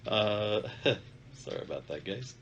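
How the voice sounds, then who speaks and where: A man with a deep, stuffy, nasal voice talks loosely over a game, trailing off and filling pauses as he goes, and he sounds a bit worn out and congested. Hosting his gaming channel from a home bedroom, he rambles with many filler sounds and self-deprecating remarks in casual gameplay commentary. His gaming headset picks up steady keyboard and mouse clicks plus a little hiss or hum.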